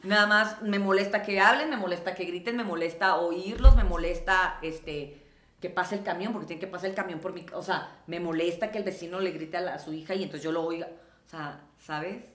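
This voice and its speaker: Lively Mexican woman telling her story. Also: lowish voice, brisk, reverberant. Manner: animated, acts out quoted dialogue. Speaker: guest. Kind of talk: casual interview storytelling.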